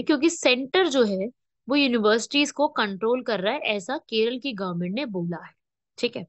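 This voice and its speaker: A woman's voice: fairly high pitch, dry recording. Teacher-like woman. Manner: explanatory, with frequent rhetorical questions and check-ins. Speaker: current affairs teacher. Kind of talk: exam-prep lecture. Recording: dull, dry lo-fi.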